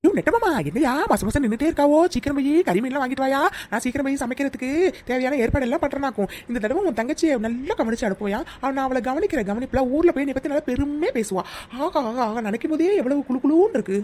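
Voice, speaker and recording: Give me a vain, chatty young village wife in a cartoon, voiced by a woman, a bit high and very quick. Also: lively intonation. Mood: boastful. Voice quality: loud, scolding village banter. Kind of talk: cartoon voice acting.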